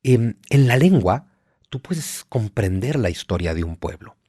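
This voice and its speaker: A man with a Mexico City accent talks as a guest in an interview, his pitch rising and falling in lively swings. He stacks up points with mounting energy, in a dry, close sound with no room around it. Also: a little slow, breathy edge, dry recording. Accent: Mexico City Spanish. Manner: passionate and emphatic, lists points with rising energy. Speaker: guest historian. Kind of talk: podcast interview.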